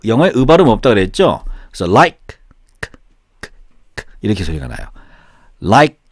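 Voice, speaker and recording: A man's voice: lowish voice, wildly swooping pitch, rapid-fire, darkish tone, no echo, studio quality. A middle-aged man teaching English pronunciation in a casual lesson, repeating words with exaggerated stress.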